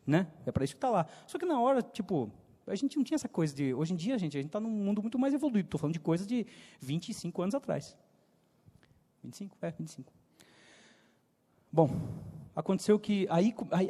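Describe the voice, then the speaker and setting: A Brazilian man in his thirties preaching to young people as a story, with a countryside São Paulo accent, his voice swinging loud and soft. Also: sits high. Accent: Brazilian Portuguese, São Paulo countryside. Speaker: youth preacher. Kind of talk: sermon told as a personal story. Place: church hall. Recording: church hall reverb.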